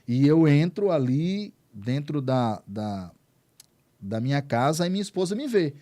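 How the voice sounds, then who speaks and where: A man's voice: fairly high pitch, big pitch swings, a little slow, mellow. A man, a pastor, telling his testimony as an interview guest, earnest and repeating words for emphasis. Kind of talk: emotional testimony in conversation.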